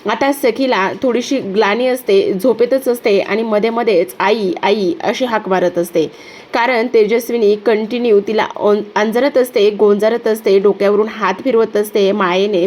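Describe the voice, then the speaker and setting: A woman narrating a recap of a TV serial episode in a steady, repetitive storytelling manner. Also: mid-range voice.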